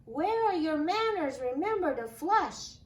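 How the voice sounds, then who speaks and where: A woman's voice: very high-pitched, big pitch swings, a little slow, pitched above the performer's own voice, exaggerated voice. A woman voicing a bold, determined male gingerbread man from a storybook, with eager, emphatic delivery. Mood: indignant. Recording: echoey room with background noise.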